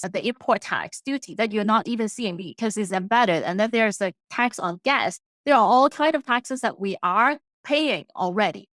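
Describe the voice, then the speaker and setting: A woman who immigrated to Canada in her late teens and whose first language isn't English appears as a podcast guest, an accountant and author chatting casually in an interview. She is earnest and plain-spoken, often restarting sentences. Her medium-pitched voice is a bit bright, recorded in a studio with no echo.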